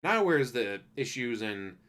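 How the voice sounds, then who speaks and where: In a casual, profane anime review, a man rants freely and briefly performs the characters in quick asides. He speaks at medium pitch, very animated, with a fairly bright tone.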